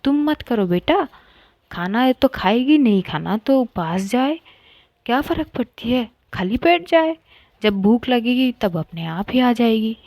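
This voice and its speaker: A woman's voice: a little high, expressive, unhurried, darkish tone, no echo. A woman voicing a bossy, teasing middle-aged aunt who scolds and mocks in a rambling way. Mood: scolding.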